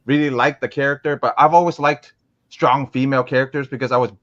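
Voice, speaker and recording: A young man from Florida chats casually as an interview guest. He rambles, restarts his sentences and fills the gaps, and his voice sits at an average pitch. The recording sounds a little muffled and lo-fi. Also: fairly even intonation, fast talker, a bit bright. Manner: rambling with many restarts and fillers. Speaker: interviewed guest, comic collector.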